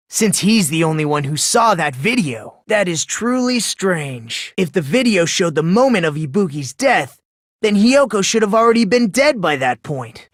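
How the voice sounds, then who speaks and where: Here an actor portrays an English video game's teenage boy: polite, self-loathing, and eerily excitable, given to soft musing and breathless gushing. The voice is mid-range, and the studio sound is clean with no echo.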